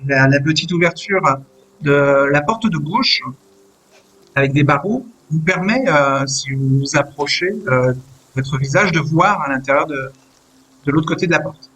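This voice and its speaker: A man running a tabletop role-playing game as game master, describing scenes slowly with frequent hesitations. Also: fairly high pitch, a bit bright, slightly rough. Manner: descriptive, hesitant with many "euh"s.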